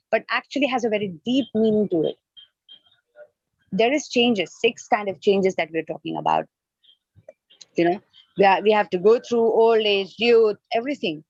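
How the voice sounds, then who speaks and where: A medium-pitched woman whose native language is Nepali leads an online class as a spiritual teacher, giving an interactive devotional lecture. She often poses questions and explains by rephrasing and repeating her points. There's no echo, though the online call audio is dull and lo-fi.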